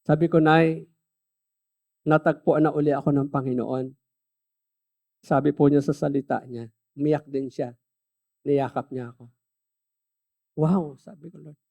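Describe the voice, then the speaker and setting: A man preaching a sermon, earnestly mixing Tagalog and English and slowing down to stress key phrases. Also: fairly high pitch, steady tone, gravelly, darkish tone. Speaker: pastor. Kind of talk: sermon with personal testimony.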